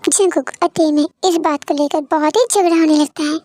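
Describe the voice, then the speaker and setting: A woman's voice: sits high, fairly even intonation, fairly quick, warm tone, no echo, clean studio sound. A woman narrating a fan story plainly.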